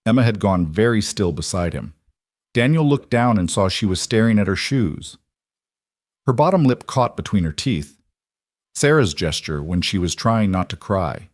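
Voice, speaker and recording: Low-pitched man for dramatic story narration, dry studio sound. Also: expressive, normal speed, dry recording. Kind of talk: scripted narration.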